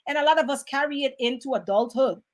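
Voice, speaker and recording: Animated high-voiced woman host. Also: fast. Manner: animated, conversational, reads out viewer comments. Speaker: host reading live chat. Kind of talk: casual livestream talk.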